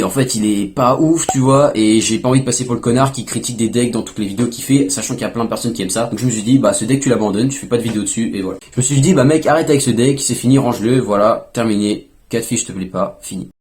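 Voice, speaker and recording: A young man casually telling a story to his vlog audience, chatty, with quick asides to himself. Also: mid-range voice, darkish tone, slight background noise. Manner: fast, chatty, self-talk asides. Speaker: fingerboard YouTuber.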